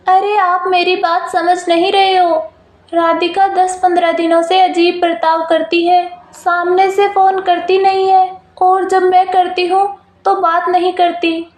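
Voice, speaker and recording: A woman's voice: very high voice, flat delivery, measured pace. A woman voicing an anxious, caring mother who worries about her married daughter, in an echoey room. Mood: urging. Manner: fretful, pleading. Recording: roomy echo.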